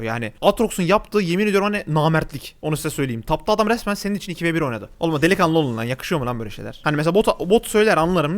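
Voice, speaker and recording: A young man speaking with a Turkish accent, giving chatty live gameplay commentary as a gaming YouTuber, exclaiming at the game and his viewers. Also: on the high side. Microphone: desk mic at a gaming setup.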